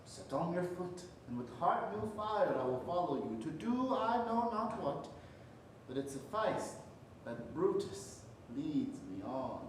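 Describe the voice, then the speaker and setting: A man's voice: fairly high pitch, sing-song, a little slow. A young man playing Caius Ligarius on stage, speaking in a rousing, declamatory way, recorded from a distance in a very echoey theatre. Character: Caius Ligarius, sick but fired-up ally. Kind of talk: stage Shakespeare acting. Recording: distant mic, very echoey theatre, faint noise.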